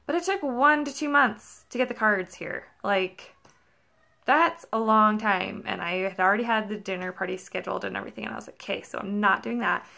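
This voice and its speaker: A woman's voice: mid-range voice, fairly quick, creaky. A young American woman chatting casually to camera in a rambling review, peppering her story with filler likes. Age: young adult. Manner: rambling, animated storytelling with frequent "like". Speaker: vlogger reviewing a product. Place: carpeted living room at home.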